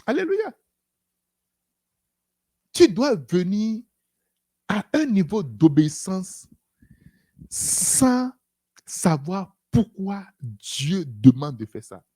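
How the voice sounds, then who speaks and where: A lively preacher delivering a sermon, the pitch leaping up and down for emphasis. The voice has a slightly husky, breathy edge. The delivery is punctuated with hallelujahs and small acted-out conversations. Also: drawn-out words, long pauses. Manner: animated, repeats "Alléluia", acts out dialogues.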